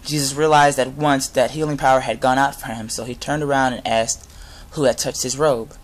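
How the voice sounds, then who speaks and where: A young adult man giving an informal sermon with Bible readings, speaking earnestly and a little haltingly. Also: medium pitch, fairly even intonation. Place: inside a garage. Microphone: device camera at close range.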